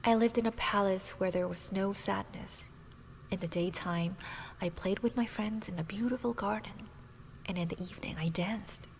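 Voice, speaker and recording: A woman voicing a sad young prince who is a golden statue, in a whispered role-play with a low, slow, sorrowful whisper. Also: slight background noise, close to an everyday voice, rough recording.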